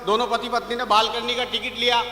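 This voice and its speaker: A man telling comic anecdotes as a stage poet at a live poets' gathering, building his punchlines up to a shout. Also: very high voice, flat delivery, brisk, slight background noise. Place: outdoor fair stage. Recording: echoey hall from far off.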